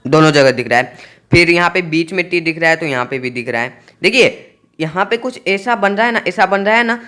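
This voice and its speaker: Man, bright voice, teacher, repetitive explanations, spells out letters. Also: on the high side, animated, brisk. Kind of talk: explaining English pronunciation to students.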